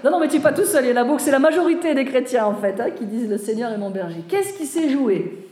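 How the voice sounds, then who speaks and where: A woman teaching about Bible translation to a live audience, talking conversationally and often turning to her listeners with questions and quick checks. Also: high-pitched, animated, mellow. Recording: roomy echo.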